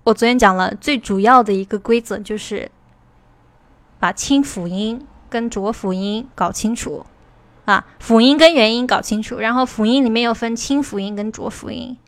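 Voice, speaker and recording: A woman teaching English pronunciation in a livestream. She explains step by step, checks in with her listeners and slows down to model English words. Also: a little high, dry recording. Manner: explanatory, asks "对吧" to check understanding. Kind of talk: livestream lesson.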